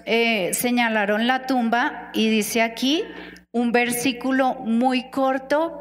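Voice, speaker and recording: A woman delivers a sermon in a slow, deliberate, earnest way, speaking straight to her listeners. Her voice sits fairly high. The recording carries a long hall reverb. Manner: earnest, slow and emphatic, addressing listeners directly. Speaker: preacher.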